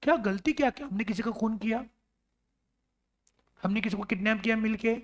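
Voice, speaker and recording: A man's voice: high-pitched, brisk. A man teaching a law lecture in a classroom, acting out little scenes and talking with students, mixing in English terms.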